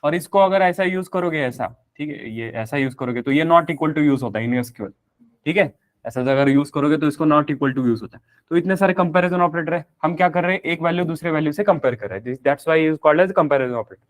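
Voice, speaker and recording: A man's voice: fairly high pitch, fairly quick. A man teaching a live programming class, explaining step by step, mixing in English technical terms and asking the students rhetorical questions. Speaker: programming instructor. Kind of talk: live classroom coding lecture.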